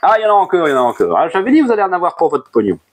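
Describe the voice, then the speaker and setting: A man talking casually to camera as he reviews his monthly manga purchases, chatty and animated, with playful asides. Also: racing. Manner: chatty and animated, jumps up in pitch on new titles, playful asides. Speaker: manga collection YouTuber.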